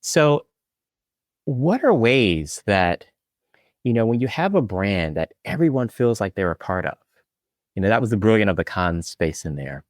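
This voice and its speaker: A middle-aged man hosts a podcast in a low voice. He asks long, winding questions and keeps up steady "right" and "mm-hmm" replies. The recording is dry and close. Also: moderate pace, dry recording. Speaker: podcast host, association CEO. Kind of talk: interview questions.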